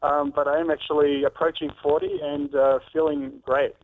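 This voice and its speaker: Calling in to an interview on a tinny phone line, a fitness trainer and author in his thirties speaks earnestly, stumbling into frequent "um"s and restarts. His voice is fairly high with little movement in pitch, and he talks at a normal speed.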